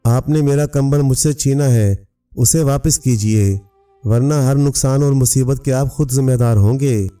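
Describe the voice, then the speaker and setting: A man's voice: mid-range voice, measured pace, warm tone, natural voice. A man voicing a stubborn, solemn poor dervish who defies a king in a storybook tale. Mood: defiant. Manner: defiant, solemn. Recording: distant mic, faint music.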